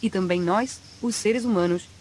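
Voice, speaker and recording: A woman's voice: mid-range voice, normal speed, darkish tone, slight background noise, close to an everyday voice. A woman playing an encouraging schoolteacher in a scripted educational cartoon, explaining to pupils.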